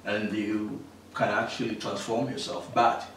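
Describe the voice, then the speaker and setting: A middle-aged mining engineer from Tanzania, appearing as an interview guest, talks about his engineering career with many fillers and restarts. His voice is low, level, unhurried and a bit bright, picked up by a distant mic in an echoey room with faint noise.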